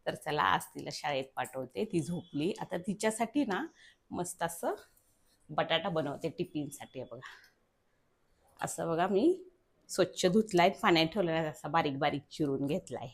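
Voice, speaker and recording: A woman's voice: low voice, expressive, moderate pace, vocal fry, slightly rough. A young woman, chatting casually through a family vlog at home and coaxing her child along. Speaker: vlogger and mother.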